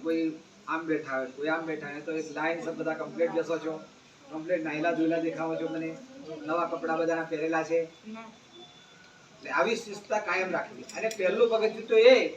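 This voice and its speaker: A man giving an animated moral talk to schoolchildren, often asking them questions. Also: high voice. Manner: animated, asks the children questions. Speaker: speaker addressing schoolchildren. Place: school gathering. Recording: echoey room, distant mic, faint ambience.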